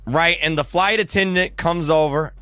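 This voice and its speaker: A man telling a story in an animated, casual way, excitable and slangy with lots of restarts. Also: fairly high pitch, moderate pace, no echo.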